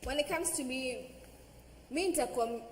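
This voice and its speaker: An outspoken Kenyan woman speaks on a reunion panel in a very high voice, moving freely between English and Sheng. Her voice sounds roomy, with a long hall reverb and faint ambience behind it. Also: moderate pace, a little hiss or hum. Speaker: reality show cast member. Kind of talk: panel discussion.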